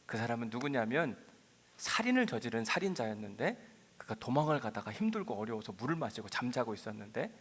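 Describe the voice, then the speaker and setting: A male pastor preaching a sermon in a church sanctuary as animated storytelling. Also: medium pitch, fairly quick, breathy edge. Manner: animated storytelling, acting out quotes. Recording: reverberant church hall.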